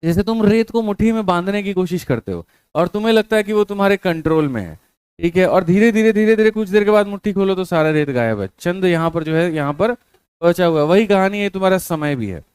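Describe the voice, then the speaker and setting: A man's voice: high-pitched, animated, a little fast, a little mellow, clear, resonant tone, no room sound. A man giving colloquial motivational study advice to exam students, repeating his points and calling them brother.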